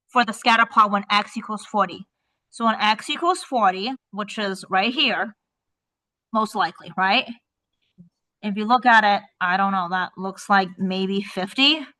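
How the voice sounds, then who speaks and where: A woman's voice: medium pitch, bright, forceful tone, poor audio. A woman teacher talking through a math worksheet step by step, thinking aloud and often checking in with "right?". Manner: tentative, thinks aloud while estimating.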